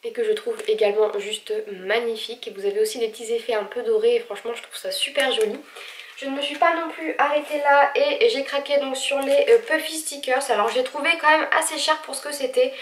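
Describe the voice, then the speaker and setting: A woman's voice: sits high, brisk, roomy sound, distant mic, a little hiss or hum. A woman with a stuffy, nasal voice, chatting casually about her recent purchases with frequent hesitations. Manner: chatty, many hesitations, gushing. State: stuffy nose, speaking with effort. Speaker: vlogger. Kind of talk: casual haul video.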